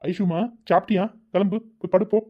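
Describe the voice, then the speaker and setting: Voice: mid-range voice, little pitch movement, fast talker, natural voice. A voice actor playing a protective, caring elder brother in a cartoon, coaxing and soothing. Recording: dull lo-fi recording.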